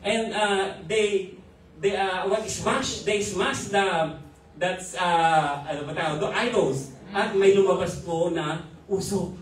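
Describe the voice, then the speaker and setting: A man's voice: sits high, fairly even intonation, slow pace, a little hiss or hum. Filipino-accented male pastor, chuckling testimony preacher, recorded from afar in a reverberant church hall. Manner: switches between Filipino and English, chuckles often. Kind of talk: testimony sermon. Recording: echoey hall from far off.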